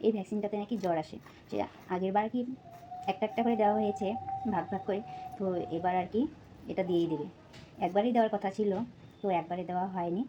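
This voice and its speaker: A young woman with a Bengali accent chatting casually to her viewers while chopping vegetables at home, a little out of breath and speaking softly. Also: medium pitch, fairly even intonation, fast, pauses often, slight background noise, rough recording. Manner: chatty, many fillers, addresses viewers as friends. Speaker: vlogger, mother of two. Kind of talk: casual vlog chat while cooking. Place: home kitchen.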